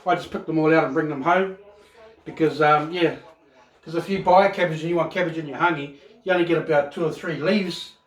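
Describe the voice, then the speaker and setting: A man's voice: a little high, brisk. A middle-aged man with a Maori New Zealand accent, giving a casual cooking demonstration in a laid-back, rambling, colloquial way. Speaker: home cook presenting a cooking video. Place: home kitchen, indoors. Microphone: phone camera across the counter. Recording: echoey kitchen, camera at a distance.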